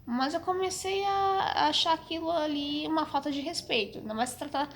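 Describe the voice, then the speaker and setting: A woman's voice: sits high, a little fast, slight background noise. Chatty young Brazilian woman, hesitant. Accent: Brazilian Portuguese. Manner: hesitant, repeats and restarts often, frank. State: coughing, slightly sick. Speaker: vlogger. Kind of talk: casual personal storytelling to camera.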